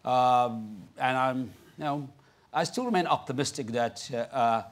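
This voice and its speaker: A Russian-accented guest speaker with a mid-range voice talks onstage before an audience in a large indoor theatre. His delivery is halting, full of restarts and "you know" fillers.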